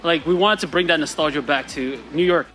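A man's voice: fairly high pitch, brisk, soft background music. A man speaking through a face mask, a food vendor chatting casually in an interview with fillers. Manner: relaxed, conversational, with filler words.

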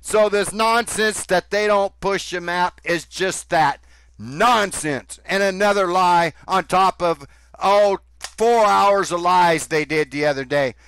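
Sarcastic man with a smooth voice. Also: sits high, slow pace, a bit bright, no room sound. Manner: sarcastic, scornful, swears. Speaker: commentary host. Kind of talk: sarcastic commentary on played clips.

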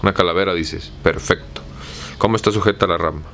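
A man reading as an obsessed gentleman, deep voice. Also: fairly even intonation, quick pace, gravelly, a little hiss or hum. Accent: Mexican Spanish. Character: excitable obsessed gentleman treasure hunter.

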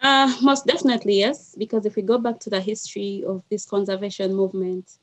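A wildlife researcher in her thirties with a Ugandan accent joins a video call as a guest panelist from a small indoor room, using a headset. Her mid-range voice is fast with little pitch movement, and she chooses her words hesitantly and thoughtfully.

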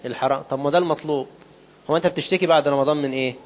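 A man with an Egyptian accent preaching a sermon in quick colloquial speech. He asks his listeners questions and answers them himself, and he slows down to recite quoted scripture. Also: fairly high pitch, steady tone. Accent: Egyptian Arabic.

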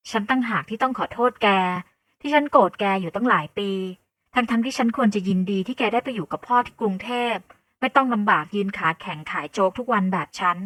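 Woman voicing a gruff, no-nonsense elder sister in a storybook reading; crisp, bright tone, dry sound. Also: fairly high pitch, lively intonation, fast talker, dry recording. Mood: blunt. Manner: curt, gruff and matter-of-fact. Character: blunt hardworking older sister, a young woman who runs a porridge shop.

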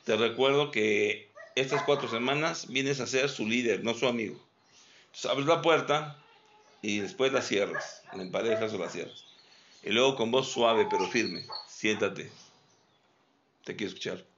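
A man teaching dog training outdoors, calmly demonstrating and repeating commands. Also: mid-range voice, normal speed. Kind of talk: hands-on training instruction. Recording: dull recording with loud background noise and barking dogs.

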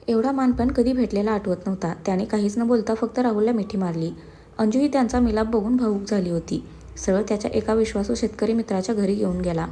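A woman's voice: medium pitch, warm tone. A woman narrating a scripted story, reading every character's dialogue in her own voice. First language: Marathi. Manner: reads all characters' dialogue in her own voice, switching to Hindi for some.

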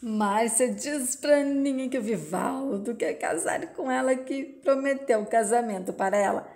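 A woman's voice: a little high, normal speed, a little mellow. A woman narrating a soap opera episode recap in a plain, running retelling.

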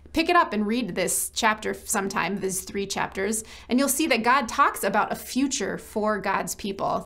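A woman from church ministry staff giving a short devotional message, telling a personal story gently and reflecting on scripture. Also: medium pitch.

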